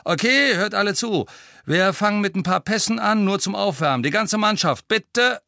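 A man voicing a brisk, commanding teenage girl who captains a sports team. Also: a little high, lively intonation, sharp tone, no echo, studio quality, voice pushed up.

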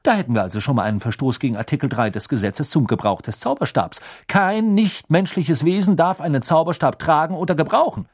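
A man voicing a gruff middle-aged wizard who shouts excitedly. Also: a little high, a little fast, few pauses, voice pushed up. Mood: insistent. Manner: loud, raised and excited.

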